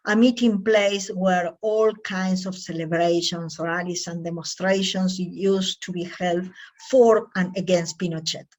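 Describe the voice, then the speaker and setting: Woman, reading her conference talk slow and careful, lots of uh's and restarts. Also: lowish voice, fairly even intonation, darkish tone. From Chile. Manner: careful, measured, with frequent fillers and self-corrections. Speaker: academic researcher. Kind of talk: recorded conference presentation.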